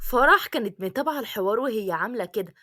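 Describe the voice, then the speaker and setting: A woman's voice: a little high, lively intonation, racing, fairly bright tone, no room sound, clean studio sound. A woman with an Egyptian accent narrating a storybook tale in a plain, matter-of-fact way. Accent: Egyptian Arabic.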